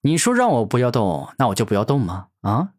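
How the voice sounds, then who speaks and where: A man voicing a cocky young male martial hero who taunts his enemy with self-assured calm in a fantasy audio story. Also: medium pitch, brisk. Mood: mocking.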